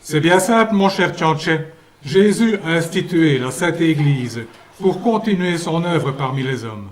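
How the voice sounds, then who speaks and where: A man voicing a gentle, fatherly male saint who speaks in a calm, pious, measured way in a puppet radio play. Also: fairly high pitch, a little hiss or hum. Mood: benevolent.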